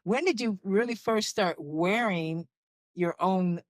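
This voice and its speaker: A woman's voice: mid-range voice, slow pace, dry recording. A woman co-hosting a talk show who chats in a playful, bubbly way. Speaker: co-host.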